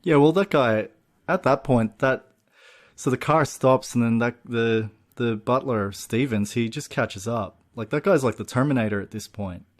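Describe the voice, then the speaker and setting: A male podcast co-host chats casually about a film, recounting its plot at length and dropping "you know" and "look" throughout. His voice is medium in pitch and his pace normal.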